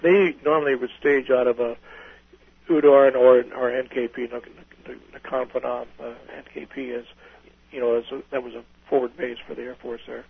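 A man's voice: medium pitch, steady tone, moderate pace, gravelly, breathy edge, dry recording, phone-quality sound. An older man, a retired pilot, telling folksy, rambling stories in an oral history interview, restarting his sentences often.

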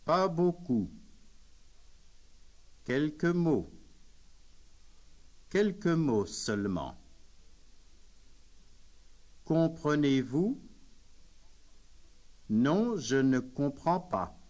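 Very slow, lively French phrase drill by a man. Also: on the high side. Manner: says each phrase slowly and plainly, with pauses for the listener to repeat. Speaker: language course speaker.

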